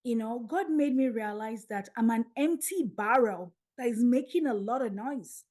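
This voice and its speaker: A Nigerian woman in her fifties, a podcast guest telling her story in a lively way and acting out the dialogue. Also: fairly high pitch, moderate pace.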